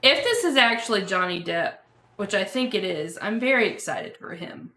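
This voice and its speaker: A woman co-hosting a gaming podcast in casual, excitable chat. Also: medium pitch, normal speed, reverberant, a little hiss or hum. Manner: excitable, chatty. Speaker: podcast co-host.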